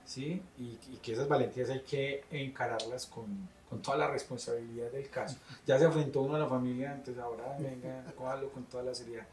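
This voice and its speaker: A man's voice: mid-range voice, steady tone, brisk, few pauses, a little mellow, far from the mic, slight background noise. A man, a teacher interviewing a guest in a thoughtful, rambling way. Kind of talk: conversational interview questions. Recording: roomy, off-mic sound.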